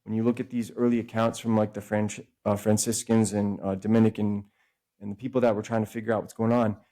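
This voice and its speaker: A podcast host and author explains things eagerly and at length, full of asides and self-corrections, in a casual conversation. He talks fast in a lowish voice with a flat delivery and a dark tone.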